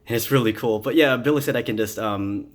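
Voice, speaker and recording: A man's voice: medium pitch, fairly quick. A man hosting a casual unboxing vlog, chatty and loose, with lots of fillers, moving around the camera mic as he works. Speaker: vlogger.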